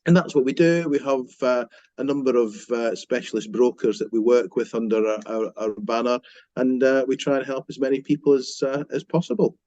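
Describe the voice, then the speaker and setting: A Scottish man in his fifties, a mortgage broker and company director, tells his career story in a business interview, casually and hesitantly, with frequent ums and restarts. His medium-pitched voice has fairly even intonation, a darkish tone, and a fairly quick pace. The recording has no room sound, and the highs are cut off.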